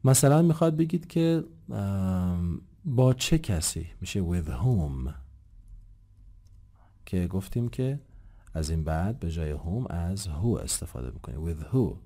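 A man's voice: low-pitched, very animated, mellow. A man teaching English grammar, explaining patiently and politely, asking rhetorical questions and answering them himself. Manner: addresses listeners politely and formally. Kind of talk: grammar lesson.

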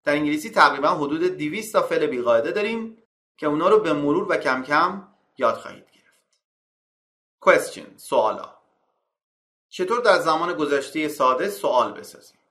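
A man teaching English grammar from slides, reading each English rule slowly and then explaining it in casual Persian. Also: expressive, sharp tone, echoey room. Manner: calls out example verbs on a higher note. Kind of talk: slide-based grammar lesson.

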